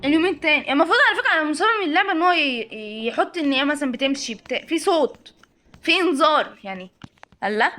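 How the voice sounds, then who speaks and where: An excitable woman with an Egyptian accent plays a horror game and talks through every scare. Her voice sits high and her words tumble out very fast. She sounds jumpy and breathless with nerves. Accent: Egyptian Arabic. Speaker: gaming channel host. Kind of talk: horror game let's-play commentary.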